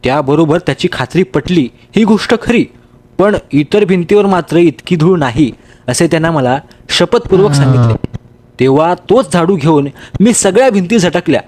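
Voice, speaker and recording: A man reading a story aloud in a steady, measured way. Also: a little high. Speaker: story reader. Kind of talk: storybook narration.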